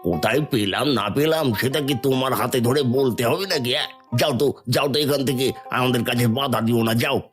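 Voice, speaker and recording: An actor playing a gruff, exasperated village man in a cartoon story, scolding and questioning. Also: medium pitch, fast talker, close to an everyday voice. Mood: annoyed. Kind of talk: Bengali animated story dialogue. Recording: music under the voice.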